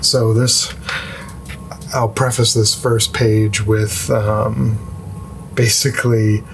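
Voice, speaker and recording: A man hosting an art channel, talking casually in a hushed, lowered voice as if quiet at night, with a gravelly creak, giving a sketchbook tour. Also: little pitch movement, takes it slowly, over music, rough recording.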